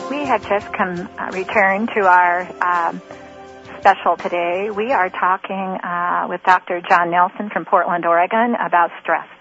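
A woman's voice: on the low side, steady tone, a little slow, a bit bright, faint music behind. Hesitant woman hosting a radio show. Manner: hesitant, repeats herself. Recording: muffled lo-fi radio line.

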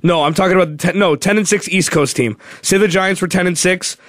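A man's voice: high voice, a little fast, fairly bright tone, dry recording, studio quality. Chatty male sports radio host. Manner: rambling, restarts and thinks aloud. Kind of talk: casual sports radio chat. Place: radio studio.

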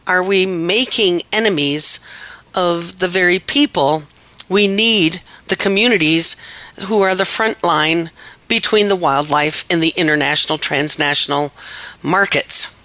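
Bright-voiced woman host asking probing questions. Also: lowish voice, no room sound, rough recording. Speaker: podcast host. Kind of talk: podcast interview.

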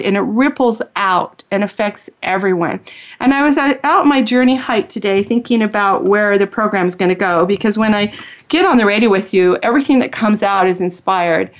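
A woman coach who speaks on the radio about healing. She tells a story from her own life in an earnest, heartfelt way. Her voice sits at an ordinary middle pitch. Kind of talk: personal storytelling on a radio show.

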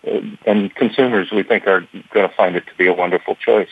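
A man, a company guest answering an interviewer, speaking haltingly with many repeats and fillers. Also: low voice, steady tone, slightly rough. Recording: tinny phone-like line.

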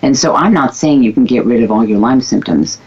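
Brisk, with a breathy edge to her bass voice, this woman guest is a former physical therapist chatting casually. She's candid and emphatic, a self-described loudmouth, and the lo-fi recording sounds dull.

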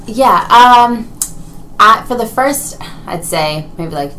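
A woman's voice: fairly high pitch, lively intonation, pushed and bright, slight background noise, rough recording. A woman in her early twenties from Houston, chatting as an interview guest in an upbeat, talkative way. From Houston, Texas. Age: early 20s. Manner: upbeat and chatty, with fillers and quick laughs. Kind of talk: casual interview chat.

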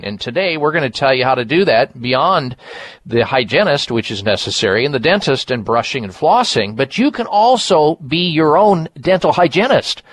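A man's voice: fairly high pitch, a bit bright, no echo. A man hosting a health talk show on radio, explaining in a conversational way and repeating key points for emphasis.

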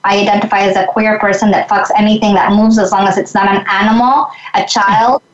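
A woman from Mexico, a guest in a conversational interview, speaks reflectively and earnestly in a mid-range voice, flat and brisk, and often restarts her sentences. The audio is muffled and roomy.

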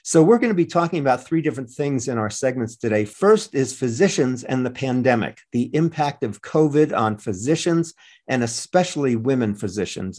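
A man's voice: medium pitch, a little mellow. A man hosting a radio talk show, addressing listeners and a guest.

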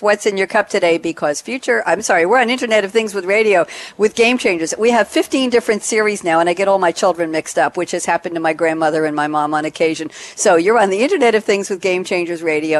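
A woman hosting a live radio panel show, chatty and joking with her guests. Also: lowish voice.

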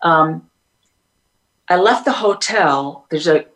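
A woman's voice: sits low, lively intonation, slow, fairly bright tone, rough recording. A woman singer being interviewed, telling stories in a rambling way with many restarts and laughs. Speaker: singer guest. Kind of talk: casual interview storytelling.

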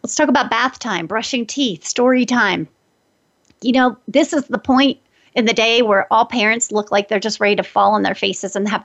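A woman working as an energy healer who gives casual, upbeat parenting advice and sometimes shifts into a sing-song voice. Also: highs cut off. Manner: upbeat, shifts into a high sing-song voice when quoting what she says to kids.

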